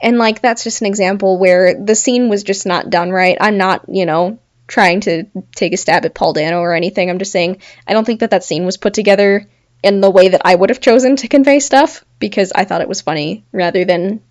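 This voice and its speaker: A woman's voice: medium pitch, brisk, dull audio. A young woman hosting a casual solo talk show, chatting and laughing at her own examples. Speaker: podcast host.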